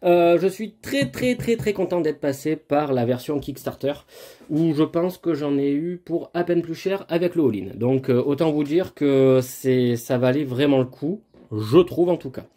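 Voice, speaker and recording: A man's voice: a little high, expressive, unhurried, warm tone. A man hosting a board game channel, chatting casually through an unboxing with frequent fillers and restarts. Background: lawn mower and brush cutter nearby.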